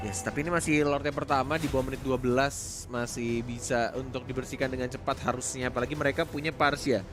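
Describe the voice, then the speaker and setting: A man's voice: medium pitch, fairly even intonation, fast. A man giving conversational, analytical live game commentary as a match announcer. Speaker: esports shoutcaster, analyst. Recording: music behind the voice. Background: music.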